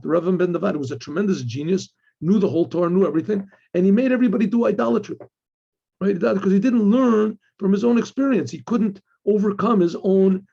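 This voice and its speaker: Frequently clearing his throat, a rabbi with a husky, gravelly, high-pitched, mellow voice leads a religious lesson. He reads and unpacks a text haltingly, repeating phrases and posing rhetorical questions, and the audio is dull and lo-fi.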